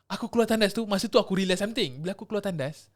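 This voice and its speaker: Quick, high-voiced man telling ghost stories. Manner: animated storyteller, acts out voices, mixes in English words. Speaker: podcast co-host. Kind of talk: casual chat, ghost storytelling.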